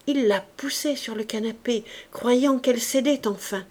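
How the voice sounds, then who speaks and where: A woman reads a classic novel aloud in a measured, even storytelling voice. Her tone is mellow and warm, with a soft, rounded quality. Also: fairly high pitch. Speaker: audiobook reader. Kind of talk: audiobook narration of a classic novel.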